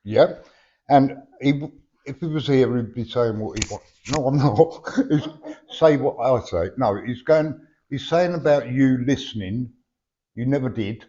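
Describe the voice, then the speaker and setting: A man's voice: medium pitch, measured pace, dark tone. A man working as a medium, giving a chatty, blunt reading in conversation, his words slightly slurred from having no teeth. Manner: blunt, chatty, often checking with "yeah?". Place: live event before a sitter. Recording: dull, lo-fi live recording.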